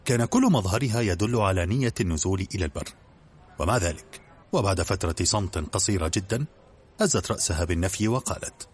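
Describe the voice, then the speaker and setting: Deep, husky fast-reading man narrator. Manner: brisk, even storytelling. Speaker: audiobook narrator. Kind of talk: scripted audiobook narration.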